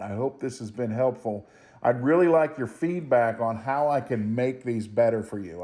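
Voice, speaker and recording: A man's voice: medium pitch, darkish tone. Man teacher with an Appalachian hillbilly accent. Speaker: biology teacher. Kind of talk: informal recorded lesson narration.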